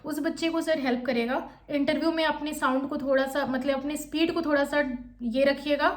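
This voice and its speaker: A young woman with a high, bright-toned voice talks quickly through interview coaching. She explains each point step by step and then models the sample answers herself. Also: fairly even intonation. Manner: fast-talking, admits speaking quickly. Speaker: teacher coaching interview candidates. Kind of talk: exam-prep lesson with modelled interview answers.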